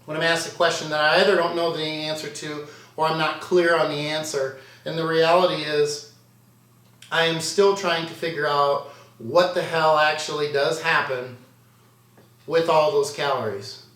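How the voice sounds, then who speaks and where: Guy answering q&a, candid and self-deprecating, a bit high voice, sits back from the mic. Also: steady tone, moderate pace, a bit bright, far from the mic. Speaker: contest prep coach. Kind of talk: answering viewer questions. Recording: roomy sound from away from the mic.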